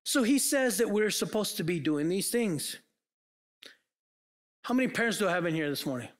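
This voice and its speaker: A man's voice: high voice, expressive, moderate pace. A man preaching a sermon as pastor, earnest and full of rhetorical questions put to the congregation. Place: church.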